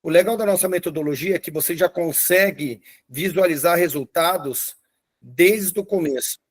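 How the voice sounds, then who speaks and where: A man's voice: fairly high pitch, moderate pace. A man in his fifties teaching a live online fitness class, talking enthusiastically with frequent restarts. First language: Portuguese. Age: 50s. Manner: enthusiastic, hesitant restarts, showing photos. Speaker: fitness coach.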